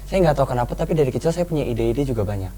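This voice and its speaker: A young man telling a painful personal story on a talk show, earnest and halting. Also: mid-range voice, lively intonation, crowd noise, low-quality recording. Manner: earnest, reflective, halting with restarts. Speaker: guest.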